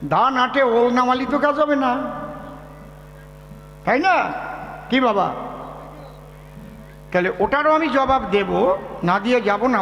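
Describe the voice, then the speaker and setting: A high, gravelly male folk storyteller from West Bengal, telling a comic tale on stage with chatty asides to the audience. His voice rings through a large echoey hall, and faint music plays behind him. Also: fairly bright tone. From West Bengal, India. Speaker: folk poet-singer and storyteller.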